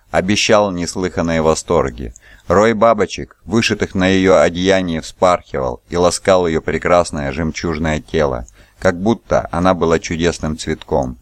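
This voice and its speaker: A man reading a novel aloud as a narrator, in an even, measured way. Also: low-pitched, no room sound, clean studio sound. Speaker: audiobook narrator. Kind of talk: scripted narration.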